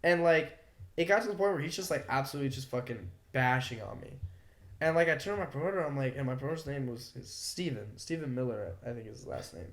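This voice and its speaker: A young man co-hosts a podcast. He tells a story in loose, heated casual talk, full of swearing and "like" fillers. His voice sits at an ordinary pitch and echoes around a roomy space. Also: expressive, fast talker. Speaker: podcast co-host. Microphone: podcast mic. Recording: roomy echo.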